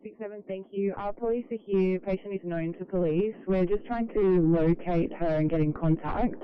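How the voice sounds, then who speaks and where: A woman's voice: fairly low pitch, moderate pace. A woman working as an emergency services operator, making procedural enquiries over two-way radio. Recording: dull, band-limited two-way radio.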